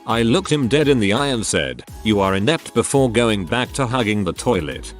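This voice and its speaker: A man's voice: mid-range voice, very animated, moderate pace, faint music behind. A man reading out humorous short anecdotes as scripted narration.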